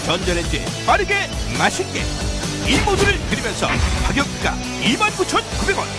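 A woman narrating a hard-sell shopping ad in an urgent, exclamatory sales pitch. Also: big pitch swings, brisk. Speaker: TV shopping ad voice-over announcer. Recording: loud backing music. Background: loud music.

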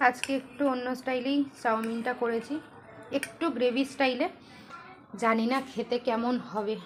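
A young woman, talking fast and chatty in a casual home vlog, teasing her family along the way. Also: on the high side, fairly even intonation, faint music behind. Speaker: vlogger. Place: family home kitchen and garden.

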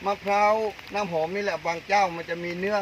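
A man's voice: high voice, flat delivery, quick pace, slight background noise, low-quality recording. A man interviewing a farmer for a promotional video, eager and repeating the answers back, outdoors in a coconut orchard in the rain. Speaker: interviewer, fertilizer brand owner.

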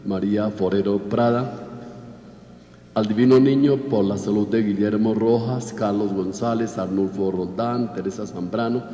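At the altar of a large church, a low-voiced Colombian priest reads Mass intentions from a list, reciting names in a measured, list-like way into the altar microphone. His male voice is warm with fairly even intonation. Long reverb makes the church recording echoey.

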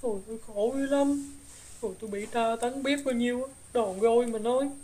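A woman's voice: on the high side, fairly even intonation, brisk, dark tone, close to an everyday voice. A woman with a Southern Vietnamese accent voicing the ghost of a young woman, a gossip who now regrets her deeds, rambling through her story with filler particles. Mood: rueful telling. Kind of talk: spirit possession drama.

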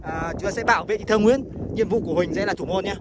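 A man with a very high voice hosts a football challenge out on an open pitch. He calls out instructions and excited commentary, urging players on. The recording carries clear outdoor noise. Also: fast talker. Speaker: host running football challenges. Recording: noisy open-air recording.

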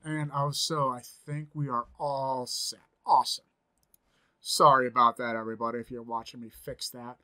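A man's voice: mid-range voice, little pitch movement, normal speed, bright, forceful tone. A man in his forties giving a screen-recorded coding tutorial from a home office, thinking aloud as he types, upbeat and chatty. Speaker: programming instructor.

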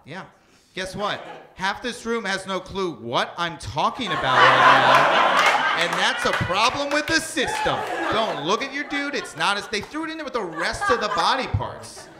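A young man performs stand-up with a high, swinging voice that climbs and drops as he acts out the people in his stories. The room is noisy around him. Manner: animated, acts out quoted voices, laughs mid-line. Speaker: stand-up comedian. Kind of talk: stand-up comedy set. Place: barbershop before a live audience.

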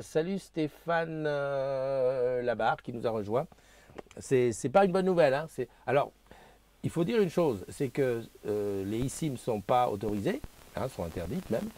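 Chatty, hesitant live-stream host. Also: male voice, medium pitch, expressive, normal speed, a little mellow. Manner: chatty, hesitant, many fillers and restarts; reads viewer comments aloud. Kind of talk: casual live-stream chat. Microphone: new desk microphone being tested.

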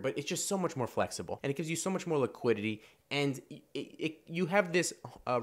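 Nasal-sounding man explaining finance casually. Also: medium pitch. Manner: conversational, repeats himself with fillers and restarts. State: nasal from a cold. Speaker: finance video host.

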